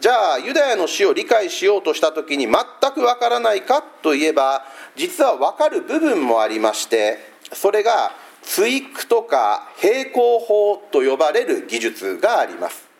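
A man's voice: sits high, wildly swooping pitch, moderate pace, gravelly. A male pastor giving a church sermon, explaining patiently with frequent hesitant fillers.

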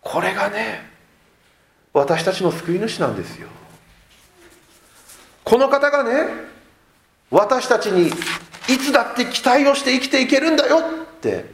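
A man preaching a sermon as a pastor, swinging between loud emphatic lines and soft low asides. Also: sing-song, a little slow, pauses often, roomy sound, slight background noise.

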